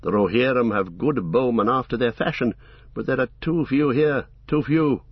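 A man voicing a poised, wary male elf archer in a lighter, measured voice. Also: medium pitch, husky, no echo, muffled recording, close to an everyday voice.

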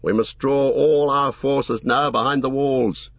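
A man's voice: medium pitch, steady tone, unhurried, dry recording, highs cut off, pitched above the performer's own voice. A man voicing a stern male warrior captain with a commanding, raised delivery.

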